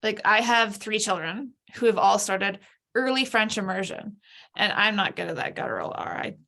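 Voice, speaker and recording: A woman's voice: medium pitch, lively intonation, moderate pace, creaky, sharp tone. A woman hosting an interview, conversational and friendly as she asks questions. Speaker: interview host. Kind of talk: casual interview chat.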